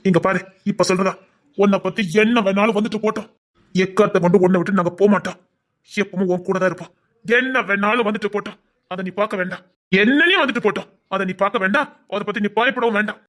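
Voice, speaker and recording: A man with a Tirunelveli Tamil accent, voicing a wronged and vengeful husband in a dubbed family drama, scolding bitterly. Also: fast. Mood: reassuring. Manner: bitter, scolding, swinging between shouts and low mutters.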